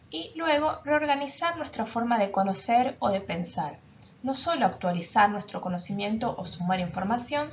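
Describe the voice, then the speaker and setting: A woman lecturer giving a recorded class, explaining step by step and asking rhetorical questions. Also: fairly high pitch. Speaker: university lecturer. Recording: dull lo-fi audio with faint noise.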